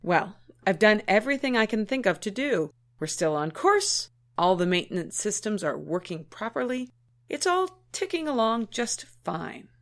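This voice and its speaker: A woman's voice: mid-range voice, sing-song. A woman voicing a prim, skeptical female alien shipmate with a disdainful manner in an audio drama. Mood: hesitant. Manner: disdainful, prudish, slow deliberate delivery.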